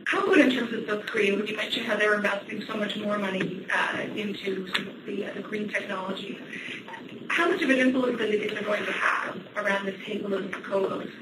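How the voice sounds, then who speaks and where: A woman's voice: medium pitch, steady tone, brisk, distant mic. Brief: woman running a press briefing, courteous, roomy noisy sound. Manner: polite, apologetic. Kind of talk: teleconference moderation.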